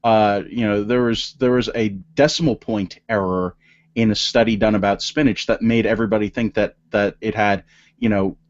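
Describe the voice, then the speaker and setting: Stammering, low-voiced male podcast host. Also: fairly even intonation, moderate pace, dry recording. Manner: rambling, stammering restarts. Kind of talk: casual political podcast chat. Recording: dry, dull lo-fi sound.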